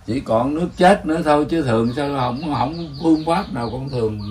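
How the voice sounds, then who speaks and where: A man's voice: mid-range voice, brisk, crowd noise. Older Southern Vietnamese man telling folk tales. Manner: rambling, animated folk storytelling with chuckles. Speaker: elder storyteller. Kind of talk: casual storytelling.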